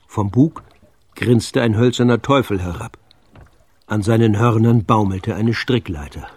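A man narrating a children's adventure story in a calm, measured storytelling voice. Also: lowish voice, a little hiss or hum.

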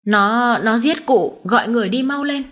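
A woman's voice: fairly high pitch, moderate pace, fairly bright tone, voice pushed up, natural voice. A woman voicing a dying, gasping old man. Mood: weak, urgent. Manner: broken, faint fragments.

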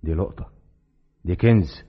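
A man's voice: sits low, normal speed, slightly rough. An actor with an Egyptian accent playing an older grey-haired man who acts fatherly but schemes, in an old radio drama. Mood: scheming. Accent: Egyptian Arabic. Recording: dull old radio recording with music.

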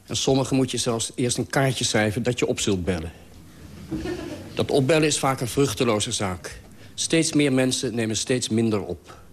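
A man's voice: medium pitch, slight background noise. A man with an ordinary mid-range voice reads a humorous radio column. His delivery is dry and self-mocking, and his jokes are understated. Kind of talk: humorous scripted column reading.

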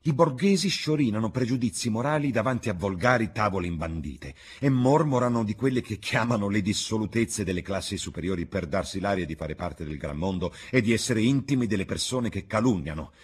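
A man reading the part of an arrogant, scornful young gentleman in an audiobook, with a sneering, cutting manner. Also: lowish voice, animated, a little fast, hardly any pauses, slightly rough, pitched above the performer's own voice.

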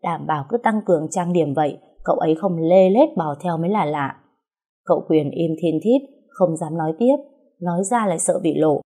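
A woman narrating a story in a steady, even way. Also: on the low side, normal speed, slightly rough.

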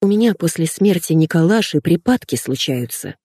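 A woman voicing a middle-aged widow, shrill and scolding, in an audiobook reading. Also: animated, normal speed, mellow, slightly rough, no echo, studio quality. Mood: shaky.

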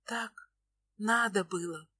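A woman voicing a heartbroken young woman who speaks in a hushed, tearful whisper. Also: medium pitch, a little slow, breathy edge, no room sound. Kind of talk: audiobook reading.

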